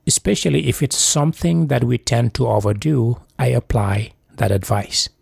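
Male podcast host, motivational interview style, heavily creaky voice, close dry sound. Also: medium pitch, a little mellow, no room sound. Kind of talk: measured motivational podcast hosting.

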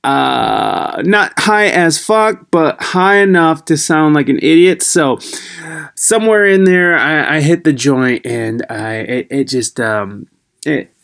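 American male podcast host, slightly higher voice, loose off-the-cuff rambling delivery, tinny built-in computer microphone sound. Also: expressive, takes it slowly, creaky, fairly bright tone. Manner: rambling, searching for words, mildly self-deprecating. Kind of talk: casual, unscripted podcast intro.

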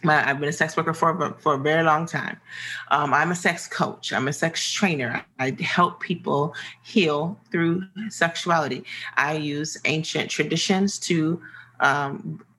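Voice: mid-range voice, steady tone, a little slow, pushed and bright, slight background noise, rough recording. Earnest guest from the Midwest. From American Midwest. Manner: earnest, explanatory, searches for words. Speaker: interview guest, sex coach. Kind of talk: casual interview conversation.

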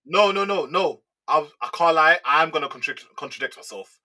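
A young man talks football in excitable, slangy banter. His voice is bright and ringing, and his pitch swings widely as he talks. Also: a little fast. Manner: excitable slangy banter, says bro a lot. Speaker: podcast co-host. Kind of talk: casual football chat.

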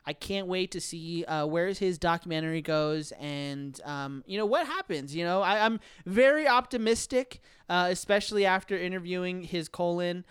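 A man's voice: high-pitched, moderate pace, few pauses, a bit bright, smooth, no room sound, clean studio sound. Joking laid-back male podcast host. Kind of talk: casual podcast chat.

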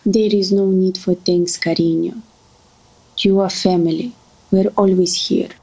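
A woman playing a warm, motherly older woman. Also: on the low side, steady tone, a little slow, breathy edge, rough recording. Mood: affectionate. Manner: gentle, affectionate, calls others darling. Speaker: family friend. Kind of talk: drama acting.

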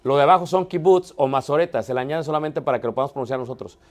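A man's voice: mid-range voice, racing, a little mellow. A man teaching a theology class, asking the students questions and checking that they are following. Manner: poses rhetorical questions and answers them himself. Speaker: Bible teacher.

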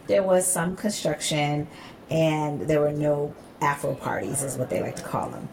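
A woman's voice: low voice, moderate pace, vocal fry, background noise. A woman in her forties, a podcast guest, telling travel stories in casual chat and acting out quotes. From United States. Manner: animated storyteller, acts out quotes. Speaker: podcast guest, event organizer.

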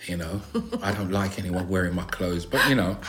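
A man's voice: low voice, steady tone, fairly quick, fairly bright tone. A man with a South London accent chatting casually as a co-host, drawing out his words with a little slang. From South London, England. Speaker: co-host of a couple's vlog. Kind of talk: casual chat.

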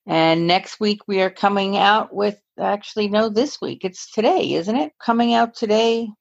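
On lo-fi, dull-sounding audio, a woman co-hosting a podcast chats casually, rambling and correcting herself as she goes. Her voice is creaky, medium in pitch, and moves at a normal speed.

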